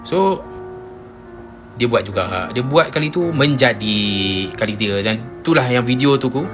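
Pria Malaysia bercerita santai dan hidup. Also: male voice, medium pitch, measured pace, over music. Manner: animated, acts out friends' shouts in quoted lines. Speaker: Instagram live host. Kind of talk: casual storytelling on a live stream. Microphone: phone.

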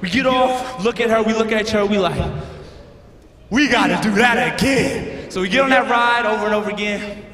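A man telling a funny story on stage, animated, acting out screams and voices. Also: high voice, quick pace, hardly any pauses, slight background noise. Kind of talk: stand-up storytelling. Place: large church hall. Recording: echoey church hall, faint ambience.

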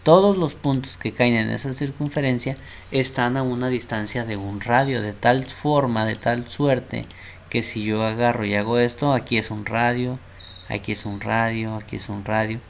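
A man teaches a math lesson in a relaxed, informal way. He keeps checking in with his listeners and repeats words as he explains. A faint hiss runs under his mid-pitched voice. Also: moderate pace, gravelly.

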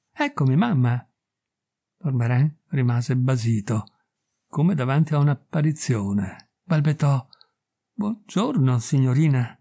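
A man reading a classic short story aloud in measured, expressive narration. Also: a little high. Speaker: audiobook reader. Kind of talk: scripted literary narration.

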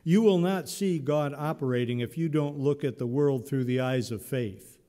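In a church sanctuary, a man preaching a sermon recounts Bible stories conversationally and humorously, voicing the characters. His mid-range voice is mellow and his pace moderate. The recording carries a long church reverb.

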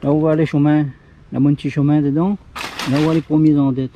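A middle-aged man with a Réunionese French accent, casually narrating as he digs larvae from rotten wood in a forest, then fries them at home, explaining in a plain, halting way. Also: a little high, little pitch movement, noisy background. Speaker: outdoor video host. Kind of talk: casual narration while foraging and cooking.

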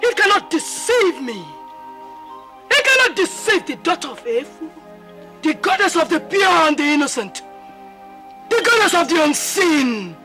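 A stern priestess with a Nigerian accent speaks in slow, weighty proverbs. Her voice sits very high and moves a lot in pitch. Film music plays under her. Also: sing-song, full character voice. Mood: solemn. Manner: slow solemn proverbs, grave warning tone. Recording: film soundtrack with music behind.

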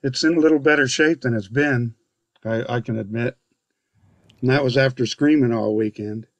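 A man's voice: medium pitch, moderate pace, no room sound, dull audio. A man chatting casually after playing at an online open mic, easygoing and self-deprecating, heard over a video call.

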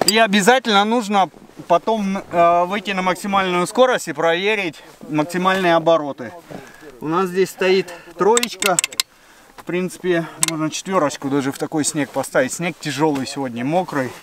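With a high voice at a moderate pace, the same man explains things casually and hands-on on his snowy-mountain vlog, sweating from the effort. Crowd noise joins the outdoor wind and engine sounds.

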